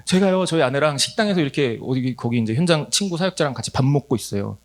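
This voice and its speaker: A man's voice: medium pitch, lively intonation, normal speed. A man giving a conference sermon as a missionary speaker, telling stories with laughter and acted-out quotes.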